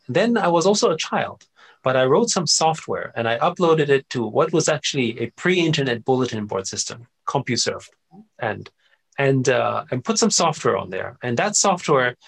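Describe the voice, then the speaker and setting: Gravelly-voiced man, animated interview guest. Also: medium pitch. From Austria. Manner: animated storyteller, frequent "right?" and "you know" tags. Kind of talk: casual conversational interview.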